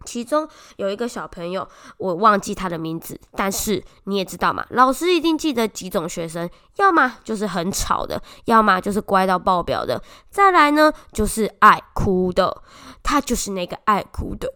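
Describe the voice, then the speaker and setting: A young woman kindergarten teacher with a Taiwanese Mandarin accent tells a casual, animated story, full of exclamations. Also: mid-range voice, normal speed, clean tone. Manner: animated, exclamatory, often voices children's lines.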